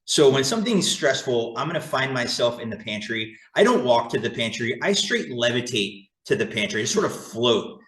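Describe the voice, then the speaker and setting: A man's voice: mid-range voice, very animated, moderate pace, few pauses, fairly bright tone. A man hosting a casual fitness podcast roundtable, talking with enthusiasm and many restarts. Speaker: podcast host. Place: fitness studio. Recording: roomy echo.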